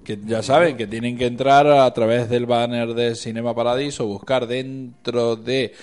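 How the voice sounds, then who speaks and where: A man's voice: medium pitch, steady tone, normal speed, a little mellow, clear, resonant tone. A man co-hosting a radio show, explaining contest rules with short replies. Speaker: radio co-host. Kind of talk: casual radio chat.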